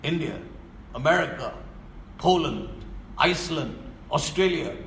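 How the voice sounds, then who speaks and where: A man preaching a sermon in an emphatic, stern way, often sinking to a low voice to press a point. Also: lively intonation, measured pace, vocal fry, fairly bright tone, roomy sound, a little hiss or hum, poor audio.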